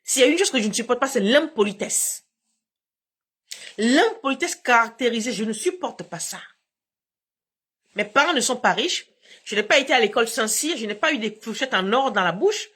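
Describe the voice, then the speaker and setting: A woman's voice: fairly high pitch, lively intonation, moderate pace, pauses often, a bit bright, breathy edge. A woman hosting a casual live stream from home on her phone, talking in a combative, emphatic way with frequent laughs.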